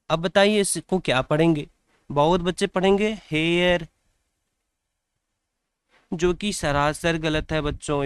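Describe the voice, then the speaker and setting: A male teacher leads a grammar lesson for children, repeating each word and quizzing the class. His voice sits a little high and comes across clear and smooth, and he speaks very slowly. The recording is dry and close. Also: no echo. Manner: repeats words and asks the children questions. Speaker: English teacher.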